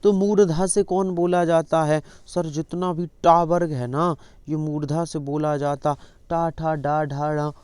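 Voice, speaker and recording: A man's voice: a little high, flat delivery, unhurried, darkish tone, smooth. A male teacher running an exam-prep lesson, repeatedly coaxing students to answer his questions.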